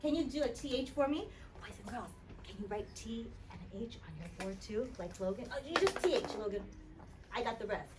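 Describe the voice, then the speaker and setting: Animated high-voiced woman teaching kindergarteners. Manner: encouraging, kids show host-like prompting with repeated short instructions and questions; sounds out letters slowly and repeats them. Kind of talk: interactive classroom lesson to young children. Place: classroom, voice picked up from a distance. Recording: distant mic, noisy classroom.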